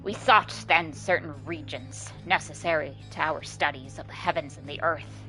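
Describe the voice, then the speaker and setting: A woman voicing an old serpentine bog crone from a game, solemn and deliberate, in archaic formal speech. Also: low voice, a bit bright, soft background music, voice pushed down, low-quality recording. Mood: brooding.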